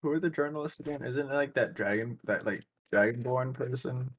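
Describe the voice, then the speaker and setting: Joking tabletop player, a man with an easy casual delivery. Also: mid-range voice. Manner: joking, quick to laugh. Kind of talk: casual tabletop game chat.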